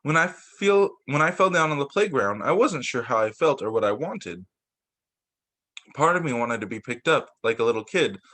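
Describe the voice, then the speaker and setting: This is a male teacher sharing storybooks with little kids. Medium-pitched and moderately paced, he reads with plenty of expression, with the odd stumble and repeated phrase.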